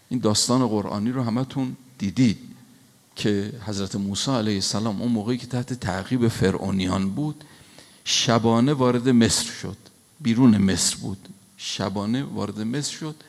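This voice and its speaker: A man giving a religious sermon, telling a scripture story slowly and emphatically, with recited verses. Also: lowish voice, a little mellow. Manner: slow, emphatic storytelling with quoted Quranic Arabic. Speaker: preacher. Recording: long hall reverb.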